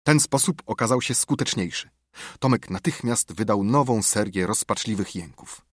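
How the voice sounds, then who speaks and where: A man reads a storybook aloud in a lively, rising-and-falling voice with a husky edge. The recording is close and dry, with no room sound. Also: fairly low pitch, moderate pace, no room sound. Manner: expressive storytelling. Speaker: audiobook narrator. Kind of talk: scripted narration.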